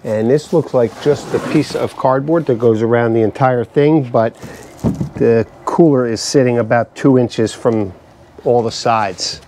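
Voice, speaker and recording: A man's voice: medium pitch, unhurried, slight background noise. Chatty man unboxing on a patio. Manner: relaxed, chatty, thinking aloud with fillers. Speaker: product reviewer. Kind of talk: casual unboxing review. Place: screened outdoor patio.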